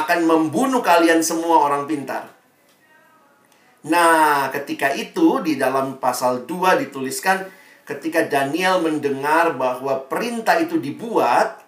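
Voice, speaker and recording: A man preaching a sermon to young people, telling the story in a lively way and acting out the quotes. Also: fairly high pitch. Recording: roomy sound, mic far off.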